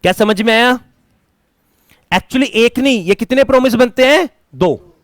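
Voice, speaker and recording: A man's voice: extremely high pitch, a little slow, fairly bright tone, dry recording, studio quality. A man teaching a classroom lecture, asking students questions and mixing English terms into his talk. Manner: mixes Hindi with English terms.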